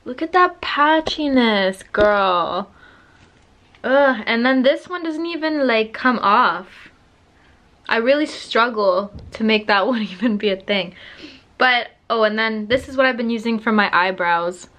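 A young woman chatting excitedly in a casual vlog at home, gushing and swearing freely. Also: fairly high pitch, unhurried. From United Kingdom. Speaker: beauty vlogger. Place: at home, indoors.

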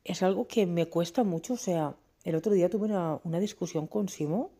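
A woman's voice: on the low side, fairly quick, warm tone. A woman in her forties vlogging to camera in a candid, emphatic way, often restarting and asking rhetorical questions. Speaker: family vlogger. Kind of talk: talking to camera.

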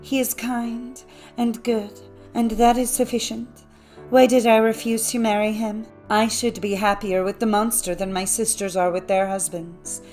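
A woman's voice: a little high, level tone, a little slow, a little mellow, faint music behind, close to an everyday voice. A woman voicing a kind-hearted young heroine in an audiobook fairy tale; she speaks earnestly and pleadingly. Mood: remorseful.

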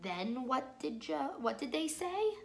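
A woman's voice: sits high, sing-song, slow pace. A young woman with an encouraging, exaggerated kindergarten teacher voice, reading a story aloud to small children and coaching them along. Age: young adult. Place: small room at home.

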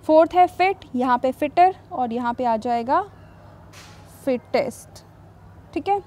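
A woman teacher explaining a grammar worksheet, patiently reading rules slowly and checking understanding as she goes. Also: high-pitched, lively intonation, a little mellow. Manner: repeats "thik hai" to check understanding.

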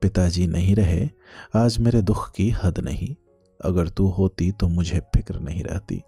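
A man voicing a young man who teases his childhood sweetheart while carrying his own grief, in a gentle bantering manner. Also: low voice, unhurried, vocal fry, slightly rough, no echo, soft background music, full character voice. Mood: sorrowful. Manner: gently teasing, light banter.

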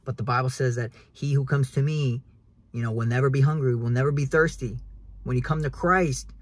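A man's voice: medium pitch, fairly even intonation, brisk. A young man talking earnestly about faith to his phone camera from inside a car, preachy and repeating "guys". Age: young adult. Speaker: realtor vlogger. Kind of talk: casual faith talk to camera. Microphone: phone at arm's length.

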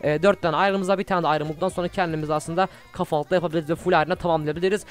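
A young man commentating his own video game play, excitable and easily frustrated, swearing often. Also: fairly high pitch, rapid-fire, faint music behind. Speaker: gaming YouTuber. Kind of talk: Minecraft gameplay commentary.

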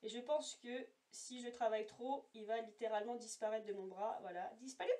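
A woman with a voice on the high side, steady and mellow, talks briskly while filming a casual makeup swatch vlog at home. As a beauty vlogger, she chats and rambles with plenty of fillers, addressing a camera placed away from her without a monitor, so her voice sounds a little distant from the mic.

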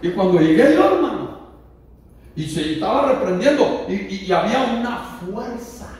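A man preaches to his congregation in a high, mellow voice that leaps up and down, joking and then shouting. The sound comes from far off in a very echoey church hall, with a faint room hum behind him. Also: sing-song, moderate pace. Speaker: pastor. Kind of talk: sermon.

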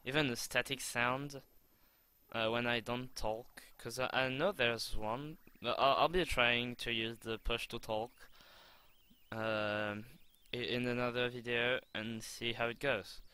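A young man commenting on his own gameplay replay, excitable and swearing, with lots of stumbling restarts, on a home desk mic. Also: medium pitch, unhurried, clear, resonant tone. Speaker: gaming channel host.

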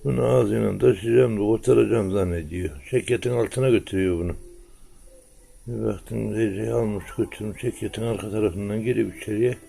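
A man's voice: lowish voice, steady tone, a little fast, creaky, mellow, breathy edge. A man filming his mother cat and her kitten at home, talking to them in a coaxing, tender way and narrating what the cat does. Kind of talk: casual home video narration.

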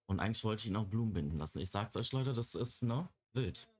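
A man's voice: fairly low pitch, lively intonation, fast talker. A young man giving casual gameplay commentary in a chatty way, often cooing baby talk at the game characters. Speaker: Let's Play gamer.

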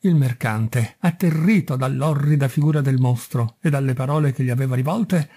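Mellow male audiobook narrator. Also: mid-range voice, moderate pace, slightly rough. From Italy. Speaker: audiobook reader. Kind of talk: storybook narration.

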